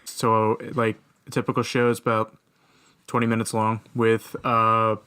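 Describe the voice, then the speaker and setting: A man's voice: fairly low pitch, completely flat delivery, a little slow, sharp tone, clean tone. Rambling young man telling a story. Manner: rambling storyteller with many restarts. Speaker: podcast co-host. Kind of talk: casual chat.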